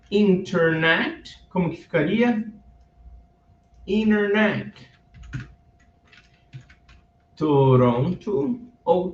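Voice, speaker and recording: A man's voice: sits high, vocal fry, darkish tone, slight background noise. A man teaching English, patiently repeating words for practice. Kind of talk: bilingual teaching of English through Bible stories. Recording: dull, roomy recording from a distance.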